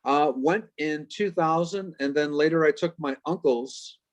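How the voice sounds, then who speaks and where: A man in his fifties from Chicago, a professor telling stories with quick jokes as a guest on a video-call interview. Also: a little high. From Chicago, United States. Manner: lively storyteller, quick asides and jokes.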